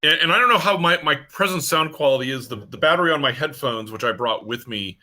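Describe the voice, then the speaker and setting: A man's voice comes through thin and tinny, the sound of a laptop mic and speakerphone on a voice call. His tone is bright and forward. He chats casually after an online game session, pausing and hesitating as he searches for words. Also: a little high. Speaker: player in an online tabletop game. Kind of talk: casual post-session chat. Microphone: laptop built-in mic on a voice call.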